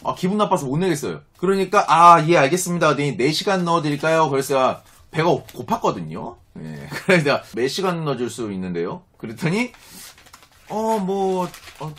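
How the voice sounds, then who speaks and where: A man's voice: on the high side, a bit bright, husky. A man in his thirties telling viewers an angry story and acting out both sides of the exchange. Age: 30s. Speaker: vlogger.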